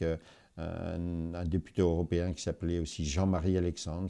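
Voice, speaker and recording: A man with a northern French accent, a provincial politician introducing himself to viewers in a measured, reflective way. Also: sits low, dark tone. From France, Nord-Pas-de-Calais. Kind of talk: personal self-introduction to viewers.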